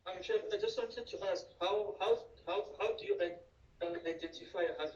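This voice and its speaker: A man's voice: sits high, moderate pace, darkish tone, muffled recording. A male student in an online class, answering and asking questions hesitantly. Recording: echoey, distant video-call audio.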